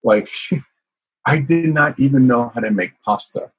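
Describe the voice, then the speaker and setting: Telling his life story as a guest in a casual interview, a man from the United States rambles and leans heavily on "you know." He speaks unhurriedly in a medium pitch with a breathy edge.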